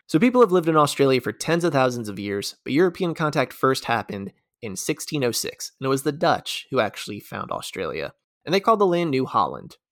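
An American man co-hosting a casual talk show, leading the segments with lively, fact-filled explanation. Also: mid-range voice, no echo, studio quality. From United States. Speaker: podcast co-host.

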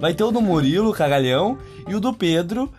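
A man's voice: high-pitched, sing-song, fairly quick, darkish tone, soft background music. A young Brazilian man hosting a casual podcast, telling a story with teasing energy and playful voices. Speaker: podcast host.

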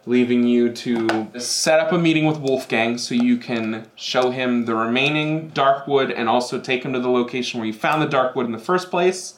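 A man narrating as game master of a tabletop game, easygoing and quick to laugh. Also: mid-range voice. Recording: roomy with faint background noise.

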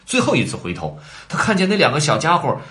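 Animated man reading a story to kids. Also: on the high side, quick pace. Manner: animated, talking to the children between lines. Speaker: storyteller for children. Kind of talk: reading a children's story aloud.

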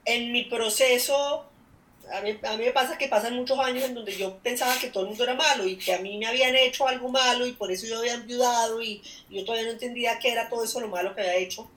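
A woman's voice: on the high side, fast talker, a bit bright. Earnest woman host in an echoey room. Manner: reflective, earnest. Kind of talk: conversational interview.

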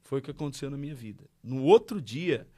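A man's voice: mid-range voice, brisk, husky. Brazilian man telling his story. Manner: lively storyteller acting out dialogue. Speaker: guest. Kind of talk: casual testimony.

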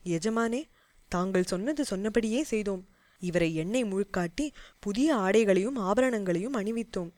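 A woman's voice: mid-range voice, animated, moderate pace, a little mellow, no echo, natural voice. A woman voicing a deferential male palace guard pleading with his master. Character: subservient male palace guard, excusing himself.

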